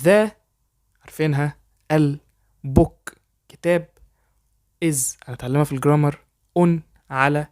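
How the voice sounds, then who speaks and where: A man with an Egyptian Arabic accent teaching an online English lesson for beginners. He talks in an encouraging, motivational way, repeats phrases in lists, and says the English example sentences slowly and carefully. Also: on the high side, fairly even intonation, a little mellow.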